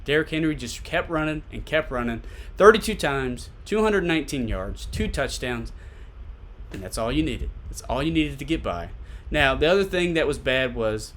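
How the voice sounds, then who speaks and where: A man's voice: mid-range voice, lively intonation, normal speed, fairly bright tone, a little hiss or hum. A man giving casual solo sports commentary as a podcast host, conversational and repeating points for emphasis. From Tennessee, USA.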